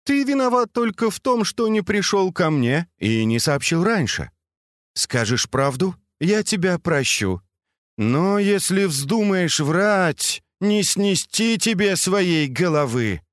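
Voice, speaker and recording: A man reading aloud, voicing an imperious, sharp-tongued noblewoman who scolds and commands her servants. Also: on the low side, big pitch swings, takes it slowly, no room sound, studio quality, voice pushed up. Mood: menacing.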